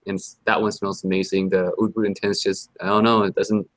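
A man's voice: on the low side, little pitch movement, a little fast. A man co-hosting a livestream in casual chat, laid-back and slangy, often laughing. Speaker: livestream co-host.

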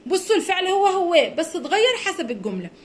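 An Egyptian woman teaches English vocabulary in a recorded lesson for primary school children. Her voice sits high and moves with a wide, animated melody. She stops on each new word and repeats it slowly so the pupils can copy it. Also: slight background noise. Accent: Egyptian Arabic.

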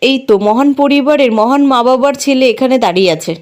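A bitter middle-aged mother hurls scornful accusations, read by a woman in her own high voice. The scolding comes out plainly, with little put-on character. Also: fairly quick, a little mellow, lightly acted.

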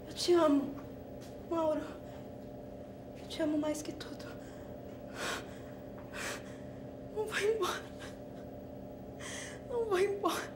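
An actress playing a betrayed young woman, tearful and pleading, then shouting in disgust. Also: high voice, little pitch movement, a little slow, pauses often. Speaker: actress in a drama exercise. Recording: echoey room with clear noise.

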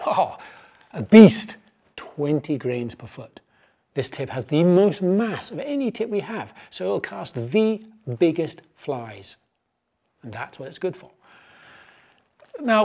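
Middle-aged guy teaching fly fishing gear, bit husky, easygoing, lapel mic studio sound. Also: medium pitch. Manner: animated, gestures a lot while explaining. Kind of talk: relaxed explanatory demonstration. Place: indoor studio set.

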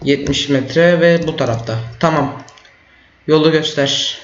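A teenage boy commentating his own gameplay, excitable, yelling and trash-talking at opponents. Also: fairly high pitch, a little slow. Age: teens. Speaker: gaming YouTuber. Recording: roomy, dull lo-fi mic.

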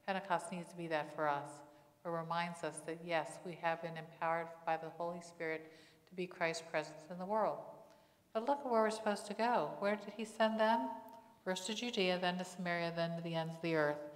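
In a church sanctuary full of long reverb, a middle-aged woman pastor delivers a sermon through a lapel mic. She talks conversationally and briskly in a lowish voice, often posing rhetorical questions.

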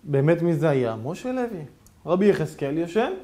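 A male rabbi giving a sermon, telling a story dramatically with sudden swings between hushed and loud. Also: on the high side. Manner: animated, theatrical storytelling with sudden swings in loudness.

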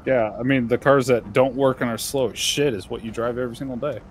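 A man's voice: medium pitch, fairly even intonation, quick pace, a little hiss or hum. A young man in casual video game banter, teasing and swearing at friends.

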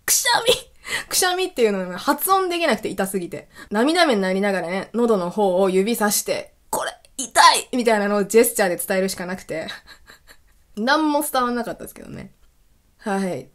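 A woman hosting a casual solo radio talk, telling stories in an animated way and laughing often. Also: medium pitch, brisk. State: recovering from illness. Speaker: podcast host.

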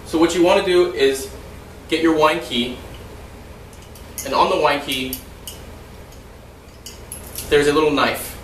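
A young man giving a steady, explanatory lesson on serving wine, demonstrating in a home dining room while a camera records him from a distance. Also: fairly high pitch, slow, long pauses, a little hiss or hum. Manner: steady explanatory delivery, some loose asides. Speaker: restaurant server trainer. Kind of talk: instructional demonstration. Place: dining room in a house, indoors. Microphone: far camera, no visible mic. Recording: roomy echo, mic far off.

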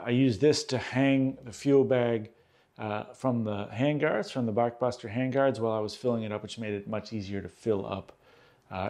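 A man in his fifties from Australia, hosting a casual gear vlog and chatting in a relaxed way with lots of "uh"s, recorded at a table in a small room. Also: mid-range voice. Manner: relaxed, chatty, many "uh" fillers. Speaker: host. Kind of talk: casual show-and-tell vlog.

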